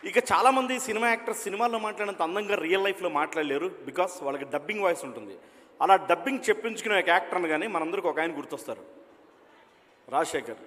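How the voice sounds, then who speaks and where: A man's voice: high voice, a bit bright. A man doing stand-up comedy as a mimicry entertainer, chatty and telling anecdotes while quizzing the crowd. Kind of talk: stand-up comedy with audience interaction. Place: event hall. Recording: long reverb of an event hall.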